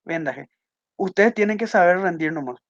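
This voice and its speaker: A man whose voice sits high sounds animated yet keeps a moderate pace while patiently reviewing test answers in class. He repeats the key points and slips in little checking questions. The dry recording has a muffled, lo-fi quality.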